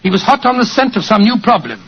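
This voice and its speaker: A muffled 1940s radio drama recording carries a genial older English doctor. His voice sits high for a man. He is avuncular and hearty, a loyal friend with old-fashioned turns of phrase. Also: sing-song, fast talker, husky, heavily acted. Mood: storytelling.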